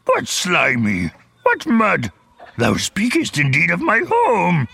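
A man voicing an impish, mischievous little old swamp creature with a raspy croak, hammy stage delivery and inverted archaic phrasing. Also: high voice, wildly swooping pitch, slow, bright, forceful tone, heavily acted. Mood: mischievous, indignant.

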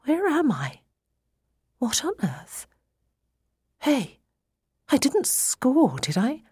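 A groggy, hungover young woman voiced by a female narrator tells her own story in an audiobook. She is husky and breathy, slow to get her words out, self-mocking and bewildered. The sound is dry and intimate. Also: high voice, huge pitch swings, a little mellow, no echo, exaggerated voice. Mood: bewildered, alarmed. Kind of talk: first-person dramatised audiobook narration.

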